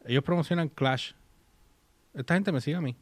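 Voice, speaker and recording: A man's voice: a little high, brisk, dry recording. A man hosting a casual chat, mixing in English words and reading English text aloud. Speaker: host.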